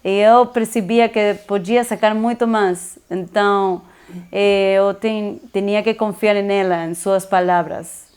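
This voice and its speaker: Giving her testimony as a resident, this young Ecuadorian woman, whose first language is Spanish, speaks hesitant Portuguese colored by an Ecuadorian Spanish accent and sprinkled with Spanish words. Her mid-range voice stays steady, with a slightly mellow quality.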